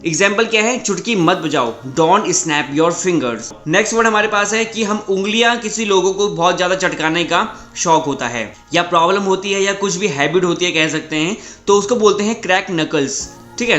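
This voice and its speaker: Bright high-voiced male teacher. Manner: methodical, repeats each word and says English examples slowly. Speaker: English teacher. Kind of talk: vocabulary lesson. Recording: roomy echo with faint background music.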